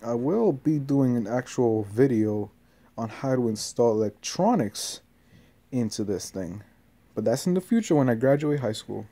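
A young adult man talks in a casual, meandering way, hesitant and offhand, like an amateur vlogger filming in a small bedroom with a handheld phone at arm's length. His medium-pitched voice is animated and dark, at a moderate pace. Clear hiss runs through the noisy phone recording.

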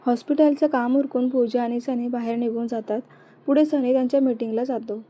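Mellow-voiced woman narrating a serialized story. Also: fairly high pitch, fairly quick. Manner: plain, steady storytelling.

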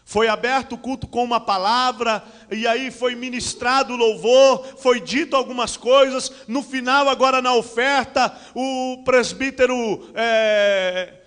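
A man's voice: extremely high pitch, fairly even intonation, measured pace, a bit bright. A middle-aged man with a Brazilian Portuguese accent, a pastor giving church announcements and then preaching into a handheld microphone, with frequent amens and hallelujahs. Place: large church hall with curtains and stage. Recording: reverberant church hall.

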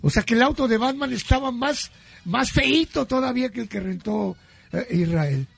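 Clown cohost on radio, gravelly, high pitched, jokey quick replies. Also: male voice, animated, soft background music. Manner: short playful interjections. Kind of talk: comic radio banter.

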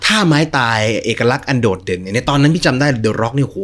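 A male host chatting casually and telling a story, with lots of excited exclamations. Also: mid-range voice, fast talker. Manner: animated, full of exclamations.

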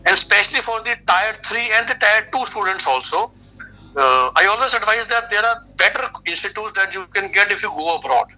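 A man's voice: high-pitched, expressive, fairly quick, bright, forceful tone, poor audio. A middle-aged man with an Indian accent explaining things emphatically as an expert guest on a phone video call. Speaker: expert guest, education adviser. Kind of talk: explanatory interview talk. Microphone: video call on a phone speaker.

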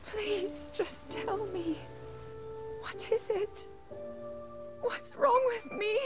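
A woman playing an earnest, troubled young princess in a fantasy video game, speaking formally and with measured care. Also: very high-pitched, full character voice. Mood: despairing. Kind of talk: dramatic video game cutscene acting. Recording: studio voice over background music.

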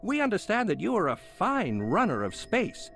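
A man's voice: sits high, wildly swooping pitch, moderate pace, vocal fry, a bit bright, faint music behind, full character voice. A man voicing an alien who poses as a human client, talking in a stiff, overly formal way to pass as human. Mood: stiffly formal. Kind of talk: game voice acting.

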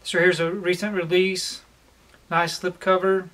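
A man in his forties, seated at home, casually presenting his collection haul with a relaxed, plain manner and frequent pauses. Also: high-pitched. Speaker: collector vlogger. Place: home room lined with disc shelves, indoors.

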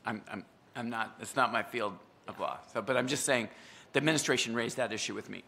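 A man serving as council president, explaining an ordinance in a council meeting, halting and hedging as he talks, with the hiccups. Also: medium pitch, creaky, pushed and bright. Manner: halting, hedging speech with restarts. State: has hiccups.

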